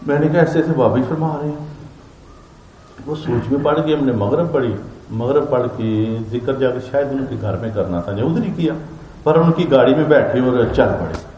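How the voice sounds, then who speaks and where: A man's voice: medium pitch, animated, warm tone, dull audio. A man telling stories about a revered elder in an earnest, reverent way, in casual spoken recollection. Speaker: storyteller recounting memories of a spiritual elder. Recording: echoey room with faint ambient noise.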